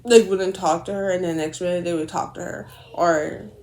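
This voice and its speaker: A woman's voice: on the low side, steady tone, moderate pace, a little mellow, a little hiss or hum. A young woman vlogger chatting casually as she does her makeup, telling a long story full of fillers, quoted back-and-forth and blunt swearing. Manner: rambling, frequent fillers and quoted dialogue.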